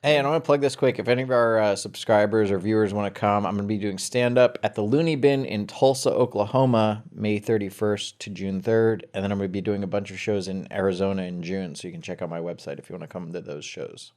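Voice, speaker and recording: A man's voice: lowish voice, fairly even intonation, quick pace, few pauses, darkish tone. A man co-hosting a comedy podcast, teasing the others and plugging his stand-up shows. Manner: playful, teasing. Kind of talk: casual comedy podcast chat.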